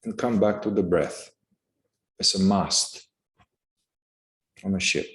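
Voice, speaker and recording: Calm and unhurried, this man leads a meditation with unscripted instructions in a lower-pitched voice. He leaves space between his phrases.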